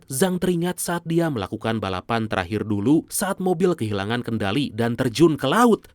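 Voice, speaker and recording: A man's voice: on the high side, no room sound. A man with an Indonesian accent and a congested, blocked-nose voice, narrating a film recap in a casual, slangy, playful way while slightly unwell. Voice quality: stuffy-nosed, congested voice. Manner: informal, slangy, playful asides.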